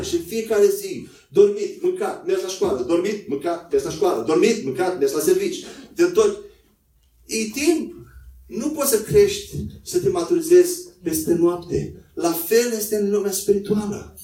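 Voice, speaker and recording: A man preaching a sermon in a conversational way, acting out quotes in a higher voice. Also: dark tone. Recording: echoey room, voice from a distance.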